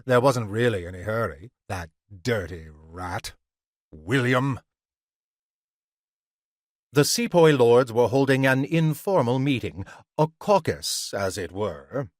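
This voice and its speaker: A man reading a crime short story aloud in a measured, unhurried way for a podcast. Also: mid-range voice, expressive, no room sound, clean studio sound. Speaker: podcast reader of short stories.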